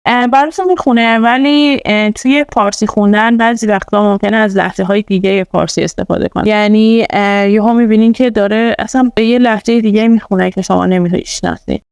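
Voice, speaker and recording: A woman's voice: mid-range voice, fairly even intonation, gravelly, few pauses, smooth, no room sound. A woman presenting a casual tutorial. She explains things step by step, with many fillers. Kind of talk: casual screen-recorded tutorial.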